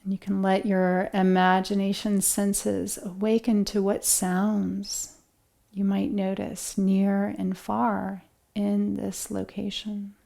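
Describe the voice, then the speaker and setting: A yoga and meditation instructor, a woman, gently and calmly guides a relaxation meditation. She speaks very slowly with long pauses between phrases, and her mid-pitched voice often drops into a noticeable creak.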